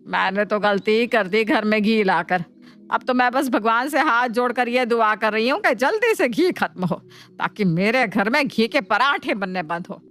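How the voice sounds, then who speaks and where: A woman plays a scheming mother-in-law in a cartoon, always dramatic and whiny. Her voice sits a little high. Faint music plays behind. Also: animated, moderate pace, fairly bright tone. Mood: complaining. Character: middle-aged mother-in-law, scheming and complaining. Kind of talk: cartoon voice acting.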